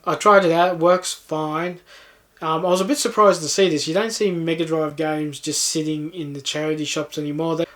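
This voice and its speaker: A man hosts a game collecting channel, chatting casually and unscripted with viewers in an understated way. His voice is fairly high and a bit bright.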